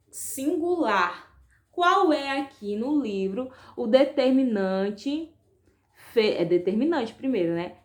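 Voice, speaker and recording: A woman with a Brazilian accent teaches a Spanish lesson in a slightly high voice. She talks very slowly, lingering on each syllable and checking in with her pupils after nearly every phrase. The recording is roomy, with a clear echo around her. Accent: Brazilian Portuguese. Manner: slow, drawn-out, spelling out syllables; checks in with frequent "ok?" and "né?". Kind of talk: online class lesson. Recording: echoey room.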